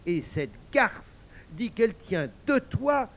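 A man's voice: high voice, big pitch swings, slow pace, pitched above the performer's own voice, full character voice. A man reading a tale aloud, voicing a brutish husband who blusters, roars and complains. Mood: pleading. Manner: loud, blustering, pleading.

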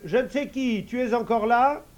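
A man's voice: very high voice, moderate pace, darkish tone, lo-fi sound, voice pushed up. A man voicing a simple, cheerful young man in a storybook, speaking in a raised, naive voice.

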